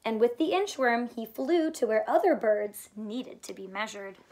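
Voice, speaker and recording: This children's read-aloud comes from a woman in her thirties, who teaches simply and poses questions to young listeners from a small furnished room at home. Her voice is on the high side with a darkish tone, expressive at a normal speed.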